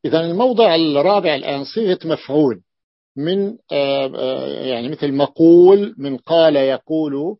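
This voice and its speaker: A man from the Levant teaching Arabic morphology, who repeats key words slowly and thinks aloud with fillers. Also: fairly high pitch, no room sound. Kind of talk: classroom lesson explaining a text. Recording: dull lo-fi dry recording.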